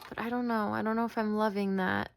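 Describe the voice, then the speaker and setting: A woman's voice: medium pitch, fairly even intonation, fast, very noisy. A woman chatting casually about her craft work, rambling and humble, with many ums and restarts. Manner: humble, apologetic. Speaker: craft video maker. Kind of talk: casual chat while crafting.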